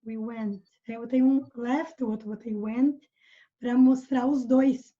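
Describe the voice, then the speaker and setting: High-voiced Brazilian woman teaching. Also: fairly even intonation, warm tone. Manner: patient, explains slowly and repeats examples. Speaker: English teacher. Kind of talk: online English lesson. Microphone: video call. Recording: muffled video call audio.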